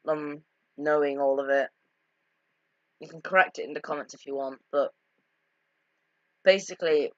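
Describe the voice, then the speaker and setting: This unscripted game commentator, a video creator reacting to cutscenes, sounds hesitant and keeps self-correcting and making self-deprecating remarks. Their medium-pitched voice is a bit bright, with no room sound, recorded on a slightly dull lo-fi home mic.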